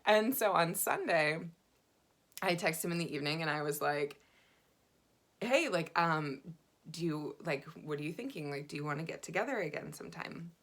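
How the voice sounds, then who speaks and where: A woman vlogger telling a dating story in a chatty, animated way, full of fillers. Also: low voice, brisk. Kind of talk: casual dating storytelling to camera.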